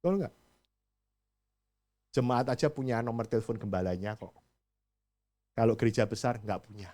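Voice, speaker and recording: Male pastor mid-sermon, mid-pitched, emphatic, swings between loud urging and hushed stress. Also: moderate pace.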